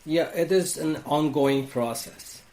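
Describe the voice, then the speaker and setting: A man from Iran with an Iranian accent, a wellness coach speaking as a podcast guest, talking in a slow, reflective way with frequent restarts. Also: fairly high pitch, a little mellow. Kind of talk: reflective interview talk.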